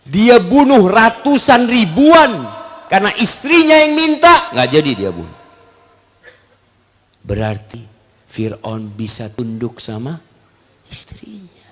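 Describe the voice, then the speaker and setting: A man preaching in a question-and-answer sermon, animated and acting out little husband-and-wife dialogues. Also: high-pitched, slow pace, long pauses.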